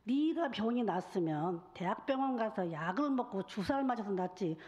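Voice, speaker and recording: A woman voicing a gruff scolding old father. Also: medium pitch, animated, normal speed, a little mellow, lo-fi sound, close to an everyday voice. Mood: angry. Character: stern old father scolding his daughter.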